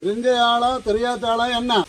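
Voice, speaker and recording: A man's voice: very high-pitched, flat delivery, brisk, a bit bright. An actor playing a blunt man who questions a suspect in a short film. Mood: confrontational. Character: blunt Tamil-speaking man confronting a suspect.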